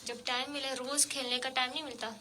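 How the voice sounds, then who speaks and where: A woman hosting a radio show, interviewing a child guest with gentle, coaxing questions full of fillers. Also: high-pitched, flat delivery. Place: radio studio.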